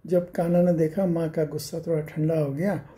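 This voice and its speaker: A man telling devotional scripture stories, explaining slowly and breaking into sung verses. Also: a little high, level tone, dark tone. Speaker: scripture storyteller.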